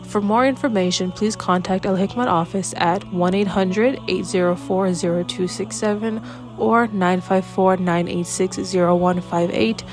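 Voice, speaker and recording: A woman's voice: mid-range voice, moderate pace. Woman reading an ad over music. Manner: even, clear reading. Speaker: announcer. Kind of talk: read advertisement. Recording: announcement over loud music.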